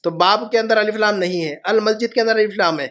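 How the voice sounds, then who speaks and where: A middle-aged man teaching Arabic to a class, patiently repeating each phrase slowly. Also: sits high, a bit bright. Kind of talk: classroom lesson.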